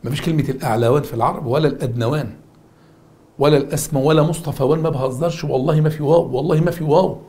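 Egyptian guy teaching grammar, talks fast, drills stuff over and over, mellow tone. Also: fairly high pitch, steady tone. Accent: Egyptian Arabic. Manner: emphatic, repeats words and drills students. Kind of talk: recorded exam-prep lesson.

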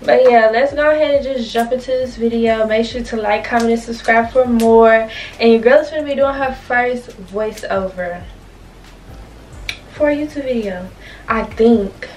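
A young woman vlogger talks straight to her viewers in a slangy, animated way, a little out of breath and pitched fairly high. She sits back from the camera mic, so her voice sounds slightly distant, with a faint hiss of noise underneath. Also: moderate pace. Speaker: beauty and fashion vlogger. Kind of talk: casual chatty intro to camera.

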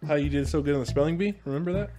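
A man's voice: on the high side, very fast, over music, close to an everyday voice. A young man playing a patient's teasing, slangy big brother at the dentist in an improvised game role-play.

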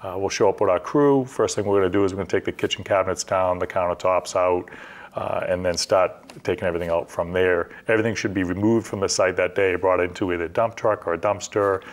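A middle-aged man with a very low voice talks quickly and practically, walking through a job one step after another. He sounds like a studio interview guest, close to a clip-on mic. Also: steady tone. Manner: practical, step-by-step, conversational with fillers. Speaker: construction company owner, guest. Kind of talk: explanatory interview talk. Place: TV studio set.

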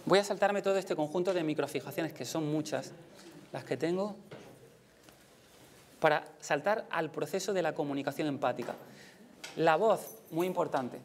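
A male conference speaker with a Spanish accent from Spain addresses a live audience in a lecture room at a normal speed, pausing often. He's lively and demonstrative, acting out emotions by demonstrating voices with big jumps in pitch as he teaches.

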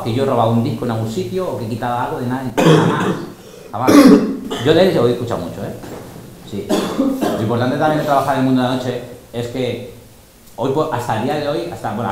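A middle-aged man, a DJ and teacher, talking in a casual, emphatic and boastful way to a group of students, often acting out quotes. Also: mid-range voice. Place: large school room with students. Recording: very echoey room, faint noise.

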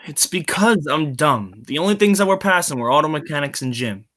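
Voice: medium pitch, animated, a little fast, a bit bright, lightly acted. A performer playing a protective teenage greaser older brother in a school play, who speaks in a reassuring, confiding way. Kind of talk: school play read remotely.

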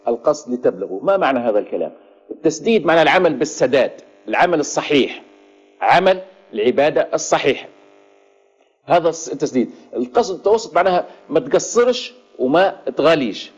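A man's voice: on the high side, a little mellow, slightly rough. A man with a Libyan Arabic accent giving a religious lesson as a preacher, in conversational preaching style with rhetorical questions. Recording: dull lo-fi recording.

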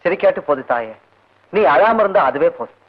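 A man's voice: high-pitched, sing-song, fairly quick. A young actor playing a man who coaxes and soothes his crying sweetheart. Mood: coaxing. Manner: pleading, coaxing, teasing. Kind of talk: 1980s film acting. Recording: dull old film soundtrack with music.

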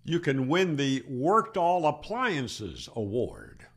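An amateur radio channel host, a man over sixty, gives an explanatory tutorial into a close desk microphone on a boom arm in a small plain room. He is emphatic and deliberate, using rhetorical questions and repeating himself on purpose. His medium-pitched voice swings hugely in pitch and sounds creaky, husky and a bit bright.

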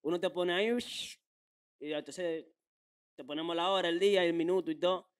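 Fast, high-pitched young Dominican man. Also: clean tone. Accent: Dominican Spanish. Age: young adult. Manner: brash, slangy, repeats phrases for emphasis. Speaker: interview guest. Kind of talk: casual street-slang interview. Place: small furnished room indoors. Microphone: handheld microphone held out by interviewer.

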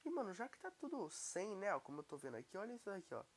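A young man with a Brazilian Portuguese accent, commenting casually and excitably on his gameplay while he has a cold. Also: high-pitched, racing, slightly rough. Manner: excitable, exclaiming at the screen. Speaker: gaming YouTuber.

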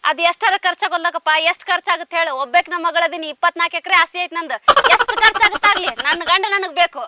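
A woman's voice: very high voice, quick pace, very noisy. A woman with a North Karnataka Kannada accent playing an abandoned wife, pleading in tearful dialect. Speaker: abandoned wife in a comedy skit. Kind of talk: scripted comedy sketch acting. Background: background music.

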